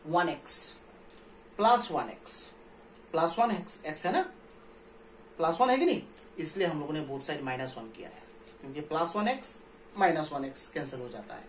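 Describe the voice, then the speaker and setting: A man's voice: a little high, big pitch swings, normal speed, long pauses. A man teaching a maths lecture, walking through each step and often checking understanding with rhetorical questions. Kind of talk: recorded classroom lecture. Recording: echoey room with faint ambient noise.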